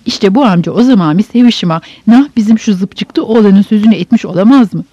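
A woman voicing a sharp-tongued, bossy older sister who scolds and nags sarcastically, in a dull, dry audiobook recording. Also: medium pitch, fast, slightly rough, dry recording, close to an everyday voice. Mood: scolding.

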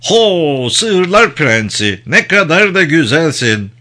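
A man voicing a calm, thin old man who soothes a raging bull with caressing flattery, in a storybook reading. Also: medium pitch, normal speed, pitched above the performer's own voice. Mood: admiring. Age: older.

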